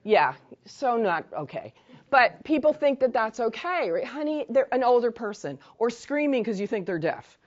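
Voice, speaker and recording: A woman's voice: a little high, moderate pace, muffled recording. A woman leading a training session, talking in a chatty way and telling stories with asides. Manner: chatty, animated storytelling with asides. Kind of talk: casual training lecture. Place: meeting room.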